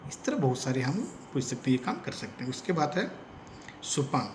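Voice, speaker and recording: A man who trains teachers gives a slow lecture in Hindi with an Odia-influenced accent and repeats example sentences with stress. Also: medium pitch, very animated, echoey room, a little hiss or hum. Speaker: teacher educator.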